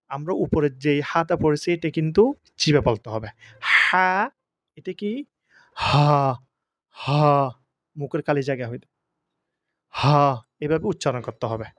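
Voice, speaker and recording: A man's voice: on the high side, no room sound. A man teaching Arabic letter pronunciation as a Quran teacher, drawing out each letter sound and repeating it for practice.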